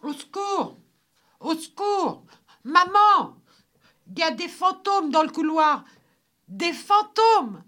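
A woman voicing a ten-year-old girl with a high, childlike way of speaking. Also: fairly even intonation, slow pace, hardly any pauses, sharp tone, heavily acted. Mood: panicked. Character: little girl about ten, curious then panicked.

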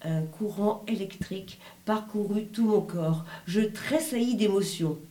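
A woman narrating her own story in the first person, wry and expressive. She takes her time over every sentence. The room gives her voice an audible echo. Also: mid-range voice, unhurried. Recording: roomy echo.

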